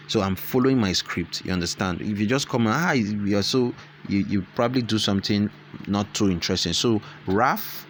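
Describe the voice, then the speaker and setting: A man's voice: low-pitched, a bit bright, slight background noise. A man hosting an app tutorial who explains each step in a rambling way and corrects himself as he goes. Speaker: tutorial host. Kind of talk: screen-recorded app tutorial.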